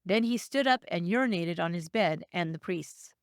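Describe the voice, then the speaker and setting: A woman narrating a true crime story in a measured, even, scripted way. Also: fairly low pitch, clean tone, dry recording, studio quality.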